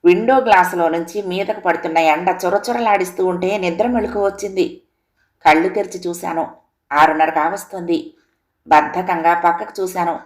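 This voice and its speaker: A woman narrating a literary audio story in a steady, composed reading voice. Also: lowish voice.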